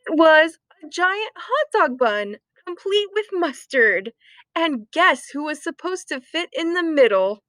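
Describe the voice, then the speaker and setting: A woman reading a children's story aloud expressively, with deliberate dramatic emphasis. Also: very high-pitched, very animated, a bit bright, dry recording. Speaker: storytime reader.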